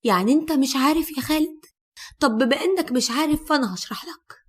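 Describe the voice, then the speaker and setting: A woman's voice: sits high, expressive, fast talker. A woman voicing an indignant Egyptian young wife. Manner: indignant, questioning.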